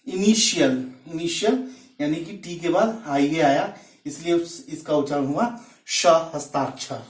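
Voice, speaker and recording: Slow-talking man teaching in an echoey room. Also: a little high. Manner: patient, repeats each word and its meaning. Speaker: English teacher. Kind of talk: step-by-step pronunciation lesson. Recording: echoey room, mic far off.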